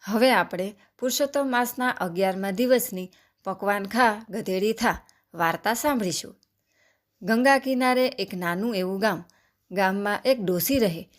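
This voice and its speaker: A woman's voice: medium pitch, moderate pace. A woman narrating a devotional story, reading the dialogue of its characters with feeling.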